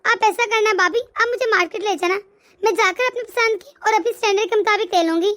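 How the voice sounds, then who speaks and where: A woman's voice: very high voice, fairly quick, a bit bright. A woman voicing a snobbish young woman who looks down on others, with a haughty, dismissive manner. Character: snobbish young woman, proud of her standards. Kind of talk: cartoon voice acting.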